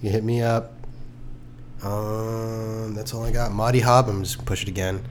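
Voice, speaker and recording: A man's voice: fairly low pitch, little pitch movement, normal speed, slight background noise. A man hosting a casual podcast, joking and rambling, with some swearing. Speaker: podcast host.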